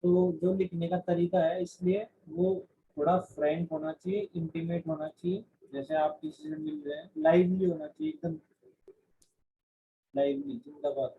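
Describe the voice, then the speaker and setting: A man gives a classroom lecture in Hindi sprinkled with English terms, frequently restarting his sentences. His voice is fairly high and slightly rough, at a normal speed, and the recording is dull and lo-fi.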